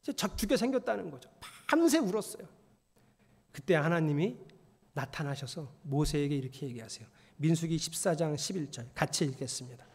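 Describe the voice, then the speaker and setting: A male pastor preaching a sermon in a church, swinging between loud exclamations and hushed, whispered lines. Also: a little high, lively intonation, brisk, husky. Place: church sanctuary. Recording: long reverb of a church hall.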